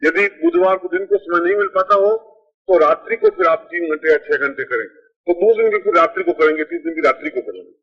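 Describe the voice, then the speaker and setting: Heard through the dull lo-fi sound of a worn 1980s cassette, a man with a highish, expressive, slightly rough voice talks at a quick pace. He's a spiritual teacher giving methodical, plain step-by-step ritual directions, repeating points for emphasis.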